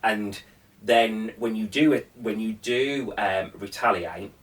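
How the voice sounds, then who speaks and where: A man's voice: lowish voice, slow, far from the mic, poor audio. A man hosting a podcast interview, talking bluntly and casually. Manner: blunt, conversational, drops "ain't". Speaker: podcast host.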